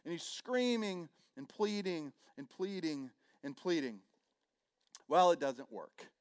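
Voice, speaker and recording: A man preaching a sermon and retelling a scripture story, swinging between loud and hushed delivery. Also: on the high side, lively intonation, slow pace. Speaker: pastor.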